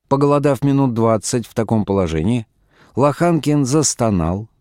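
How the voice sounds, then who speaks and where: Male audiobook narrator, lowish voice, measured and ironic, dry close-mic sound. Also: darkish tone, no room sound.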